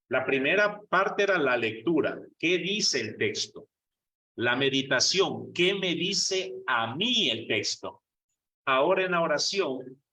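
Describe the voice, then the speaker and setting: A man's voice: medium pitch, pushed and bright. A man preaching on prayer in a conversational way, full of rhetorical questions and acting out quoted prayers. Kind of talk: conversational sermon. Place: church meeting hall. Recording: roomy hall, distant mic.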